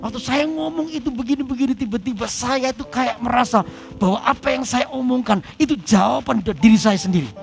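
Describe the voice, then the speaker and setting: A male pastor delivers a sermon with a high voice and a gravelly edge. He animatedly plays out both sides of a conversation and leads his congregation in call-and-response. Faint music sits quietly behind him. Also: a little fast. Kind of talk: sermon with personal storytelling. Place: church service before a congregation.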